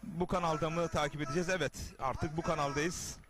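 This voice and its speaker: A man's voice: on the high side, fairly even intonation, a little fast. A man hosting live televised wrestling commentary, addressing viewers and reading out their messages in short, emphatic phrases. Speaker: TV sports commentator and host.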